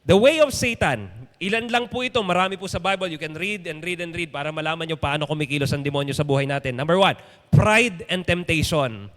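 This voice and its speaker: A Filipino-accented male pastor delivers a sermon in a notably high voice. He preaches with emphasis, repeating phrases and guiding the congregation along. His voice rings with a long reverb from a church hall. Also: fairly quick, a bit bright. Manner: emphatic, repetitive preaching that leads the listeners.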